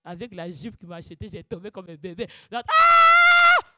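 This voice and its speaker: A woman giving a fervent preaching testimony, breaking into loud shouted calls of praise and dropping to quiet, low asides. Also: fast, heavy background noise. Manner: drops to quiet, low asides between outbursts. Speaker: church speaker giving testimony.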